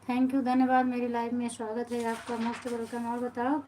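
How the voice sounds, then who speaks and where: A folk singer in her thirties hosts a relaxed live stream, speaking Hindi with an Awadhi inflection; she welcomes viewers by name and moans about tiredness and her busy schedule. She speaks in a warm, slightly high monotone at moderate pace, with slight background noise and poor audio.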